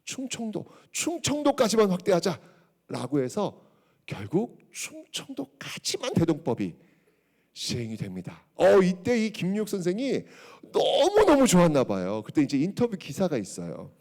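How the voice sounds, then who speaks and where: A man giving a public history lecture, telling the story in an animated way, acting out quotes and checking in with the audience. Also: sits high, normal speed.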